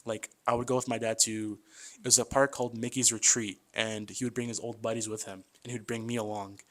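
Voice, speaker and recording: A man's voice: fairly low pitch, fairly quick. A man in his twenties in a casual podcast conversation as the guest, chatty and loose, often calling the host "man" and acting out voices as he tells stories. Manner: lively storyteller who acts out quoted voices.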